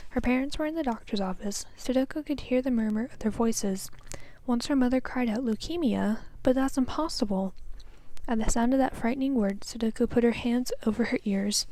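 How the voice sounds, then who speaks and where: A woman student reads a children's novel aloud with a soft, breathy delivery. Her voice sits fairly high but sounds mellow rather than bright, and she reads carefully, stumbling now and then. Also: a little fast, a little hiss or hum. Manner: careful, soft reading with small slips. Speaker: student reader.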